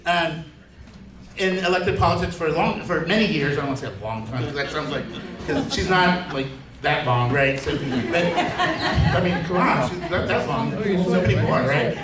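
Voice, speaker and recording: A man's voice: on the high side, animated, moderate pace, over a noisy crowd. A man moderating a community panel in a loose, chatty way with lots of fillers. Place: large community center hall. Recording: echoey hall from far off.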